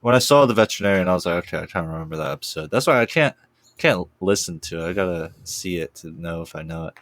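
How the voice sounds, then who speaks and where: A man with a lowish voice co-hosts a cartoon review podcast. He talks casually and rambles, swearing and laughing. The sound is close and dry. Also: lively intonation, fast talker, a bit bright, no room sound. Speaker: podcast co-host. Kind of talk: casual chat.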